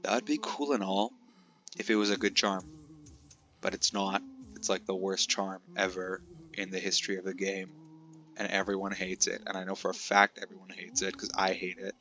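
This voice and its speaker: Lower-voiced excitable young gamer man. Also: moderate pace. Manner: chatty, excitable, addresses viewers directly. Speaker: gaming commentator. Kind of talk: casual let's-play commentary.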